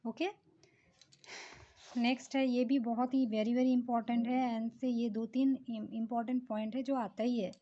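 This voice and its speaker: A woman teaching English grammar in a classroom-style lesson. She explains slowly and patiently, mixes Hindi with English terms and often pauses on fillers and "okay". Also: a little high, little pitch movement, mellow. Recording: dull lo-fi recording.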